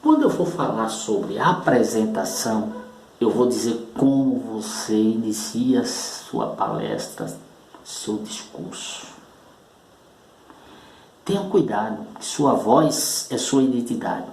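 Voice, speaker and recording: A man teaching a public speaking lesson, speaking slowly and emphatically and leaning hard on stressed syllables. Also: lowish voice, big pitch swings, gravelly, darkish tone, reverberant, slight background noise, low-quality recording. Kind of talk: recorded oratory lesson.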